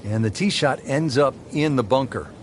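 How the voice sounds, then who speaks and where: A man's voice: medium pitch, moderate pace. A man calling golf play-by-play, describing shots in short phrases. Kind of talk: golf commentary. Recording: light crowd and background noise. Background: faint crowd, outdoor ambience.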